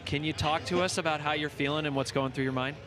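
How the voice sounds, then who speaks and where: A man interviewing a coach on stage for a live sports broadcast, asking energetic, polished questions. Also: on the high side, fast. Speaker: sideline interviewer. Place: outdoor championship stage with a crowd. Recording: crowd noise behind.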